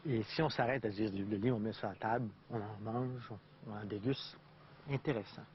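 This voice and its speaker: Enthusiastic Québécois TV host. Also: male voice, lowish voice, steady tone, brisk, a little hiss or hum. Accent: Quebec French. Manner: enthusiastic, chatty. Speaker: TV travel host. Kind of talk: travel documentary hosting and interviewing. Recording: dull lo-fi TV recording.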